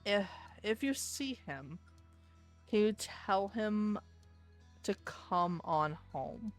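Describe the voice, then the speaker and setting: A woman's voice: medium pitch, lively intonation, drawn-out words, soft background music. A woman voicing a worried, polite middle-aged father who is looking for his son, reading a visual novel aloud.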